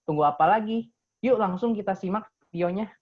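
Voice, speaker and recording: A man's voice: high-pitched, fairly quick, muffled recording. A young man, a student team leader, giving an earnest essay presentation and leaning on frequent filler words as he explains. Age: young adult.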